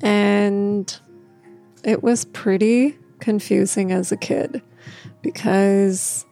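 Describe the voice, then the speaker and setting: Woman vlogger, slow, mellow, candid, with halting restarts and faint music behind. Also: mid-range voice, steady tone, gravelly. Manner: halting, with pauses and occasional stuttered restarts; candid and open. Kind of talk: personal talk to camera.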